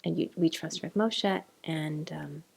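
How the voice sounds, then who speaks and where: A woman's voice: deep voice, unhurried, vocal fry, darkish tone, breathy edge. Chatty South African woman teaching Torah. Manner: chatty, digressive, mixes in Hebrew terms. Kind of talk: informal Torah class.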